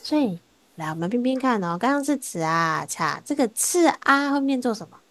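A woman teaching a Korean class over a video call, patient and encouraging, sounding words out slowly and repeating them. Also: a little high, lively intonation, a bit bright, dry recording. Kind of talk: online language lesson.

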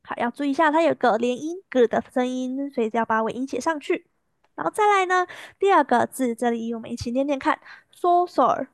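High voiced lady teacher, patient, says each word slow and clear, dry close sound. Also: dry recording. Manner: patient, repeats words slowly and clearly. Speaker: language teacher. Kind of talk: online language lesson.

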